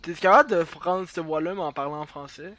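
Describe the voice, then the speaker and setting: A man's voice: fairly high pitch, fairly quick, bright, forceful tone, a little hiss or hum. A young man with a Quebec French accent bantering and teasing his friend while streaming a game. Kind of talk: casual gaming chat.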